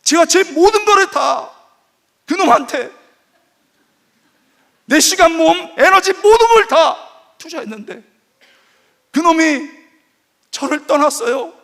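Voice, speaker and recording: A man acting out a heartbroken young woman crying to her pastor, shrill and wailing. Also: animated, slow, gravelly, long pauses, a bit bright, full character voice.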